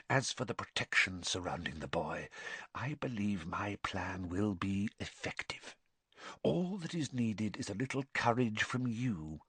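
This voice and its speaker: A man voicing a cold, menacing, frail dark lord in an audiobook, with a breathy, hissing, soft delivery full of contempt. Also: mid-range voice, no echo, voice pushed up, exaggerated voice. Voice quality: breathy, hissing near-whisper.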